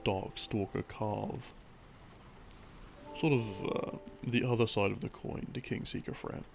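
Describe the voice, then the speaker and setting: Soft game theme music backs an audio creator who plays a boyfriend explaining game lore in a rambling, close, easygoing way, adding wry, hesitant remarks. His voice leans low, steady in tone and unhurried, with vocal fry.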